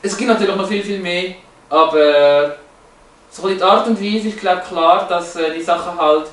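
A presenter with a high, slightly bright male voice talks at a moderate pace, explaining language features from his slides. He sounds hesitant, restarting often and filling gaps with fillers. The recording is roomy and echoey, picked up from a distance.

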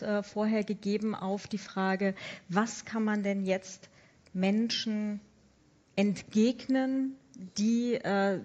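A woman's voice: mid-range voice, darkish tone. A woman moderates a panel discussion, hesitant, with many fillers and restarts. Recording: dull lo-fi conference audio.

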